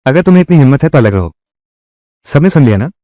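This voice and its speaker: A man's voice: medium pitch, big pitch swings, quick pace, warm tone, no echo, studio quality, close to an everyday voice. A man voicing heated, scolding family quarrels in dubbed drama dialogue. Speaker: voice actor dubbing a village family drama.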